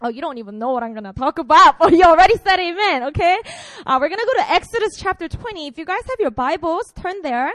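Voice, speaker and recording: Very high-pitched and expressive, this Korean pastor in her twenties talks fast with few pauses while preaching a playful, casual sermon to students. Her tone is a bit bright on a dry recording, and her chatty delivery is full of fillers.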